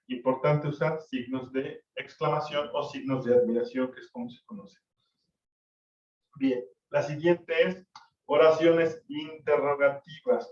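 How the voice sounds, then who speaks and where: A male teacher gives a class lecture. He explains step by step, repeats key terms and adds tag questions. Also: medium pitch. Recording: dull, roomy audio from a distant mic.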